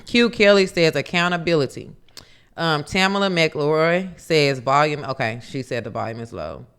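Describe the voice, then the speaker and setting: Podcast co-host guy reading comments out, smooth clear voice, kinda high. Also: normal speed. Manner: reads comments in a steady, plain delivery. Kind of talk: casual chat, reading viewer comments aloud.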